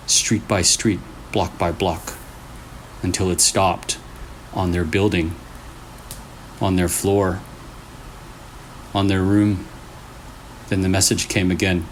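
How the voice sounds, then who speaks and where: A low-pitched man reads scary stories aloud in short, tense phrases, pausing between them for casual reactions and asides. The audio is poor, with slight background noise.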